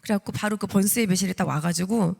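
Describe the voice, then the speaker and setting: A woman in her thirties tells a testimony from a church pulpit, acting out her own prayers with animated storytelling. Her voice sits at an ordinary middle pitch. The sound carries a long reverb from the church hall. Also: fast, creaky. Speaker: deaconess giving a testimony. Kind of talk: testimony sermon. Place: church sanctuary.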